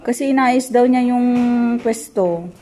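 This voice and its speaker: Slow-talking high-voiced woman, coaxing. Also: mellow. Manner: slow, coaxing, repeats simple English questions. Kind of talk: casual chat.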